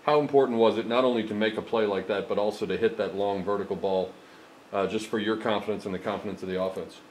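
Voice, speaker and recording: A man's voice: fairly low pitch, steady tone, fast talker, a little mellow, a little hiss or hum, rough recording. A man, a sports reporter, asking long, detailed questions at a press conference.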